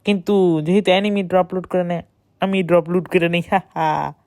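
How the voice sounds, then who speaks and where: A woman gives excited, boastful running commentary while playing a shooter game, speaking close to the mic. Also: lowish voice, normal speed, heavy background noise. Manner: excited, boastful self-talk. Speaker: gamer streamer. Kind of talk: live gameplay commentary.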